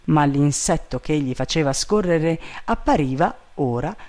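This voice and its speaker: A man narrating a story in a measured, unhurried reading. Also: a little high, lively intonation, darkish tone.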